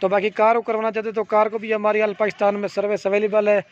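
In a farmyard next to a garden, a man with a Pakistani Urdu accent casually tries to sell his goats, going over the same points again and again and asking "theek hai" often. His high voice is delivered completely flat. It is slightly muffled phone audio, with faint outdoor ambience.

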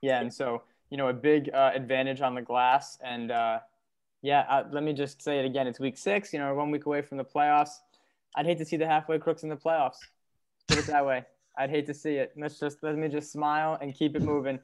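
A man's voice: on the high side, level tone, a little fast, clean tone. A young man hosting a casual sports recap show, steering the talk between guests over a video call with earbuds from a dim living room. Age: young adult. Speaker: host. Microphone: earbud headset on video call.

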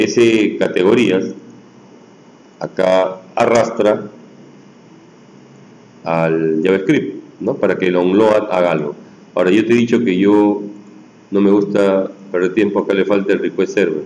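Dark-voiced man teaching a coding class. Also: on the low side, a little hiss or hum. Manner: casual, peppers speech with tag questions. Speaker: programming instructor. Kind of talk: live coding lesson. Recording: roomy echoey room.

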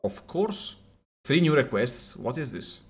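With a fairly high, very animated voice and a slightly slow pace, a young Italian streamer jokes and chats casually from a small room at home. His Italian accent shows, and he frequently stumbles over his words. Headphones on, he's framed by a webcam.

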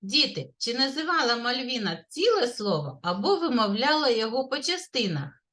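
A woman kindergarten teacher with a Ukrainian accent, leading a literacy lesson for young children in a classroom, speaking clearly and praising the children often. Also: on the high side, big pitch swings, sharp tone. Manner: slow, clear, sing-song teacher talk, praising often.

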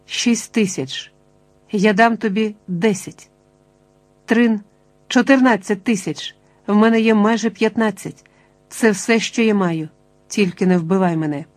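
A woman's voice: mid-range voice, a little slow, long pauses, no echo, natural voice. A woman voicing a panicked plump middle-aged man who begs in a rush of pleading words. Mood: desperate. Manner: frantic, pleading, tumbling words.

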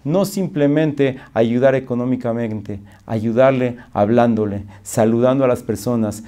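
A man's voice: medium pitch, unhurried, warm tone. A man, a religious speaker giving an earnest moral storytelling talk. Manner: earnest, repetitive exhortation.

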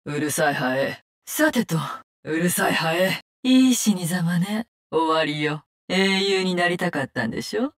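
Viper, a cold menacing assassin. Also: female voice, on the low side, lively intonation, unhurried. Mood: contemptuous. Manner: contemptuous, curt, commanding. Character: menacing, cold, vengeful woman poison-gas assassin. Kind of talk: video game character barks in Japanese.

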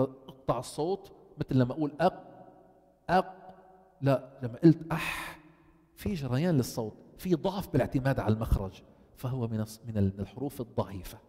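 Man, tajweed teacher, dark tone, reverberant hall, asks and answers his own questions. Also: medium pitch. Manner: explains, then asks the class questions and answers them. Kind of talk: classroom lesson, switching between English and Arabic.

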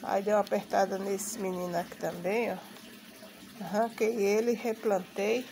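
A Brazilian woman with a mid-pitched voice, recovering from the flu, talks casually as she gives a show-and-tell. She is recorded outdoors in a home garden on a handheld phone. A faint noise like running water sits behind her voice. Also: steady tone, normal speed, creaky, dark tone, poor audio. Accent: Brazilian Portuguese. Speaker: gardening vlogger.

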